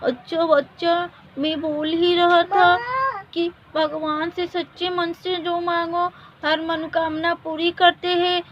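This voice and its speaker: A woman voicing a kindly old male holy man who gives slow, soothing, fatherly advice. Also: extremely high pitch, level tone, noisy background. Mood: gentle. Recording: dull lo-fi recording.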